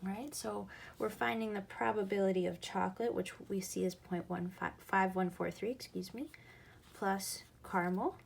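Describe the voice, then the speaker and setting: A woman's voice: mid-range voice, fairly even intonation, moderate pace, creaky, husky. A woman teaching a recorded math lesson, explaining patiently and going back over each key point.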